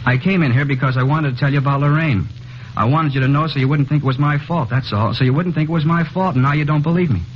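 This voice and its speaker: A man playing a quiet, troubled young confessor. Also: on the high side, fast talker, a little hiss or hum, natural voice. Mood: pleading. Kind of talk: 1950s radio drama acting. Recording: dull old radio broadcast.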